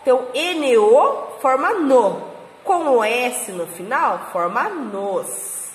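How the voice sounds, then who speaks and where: A Brazilian woman teaching small children to read, spelling syllables slowly and patiently. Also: high-pitched, big pitch swings. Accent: Brazilian Portuguese. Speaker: kindergarten teacher. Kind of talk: slow phonics lesson for small children. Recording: echoey room with long reverb.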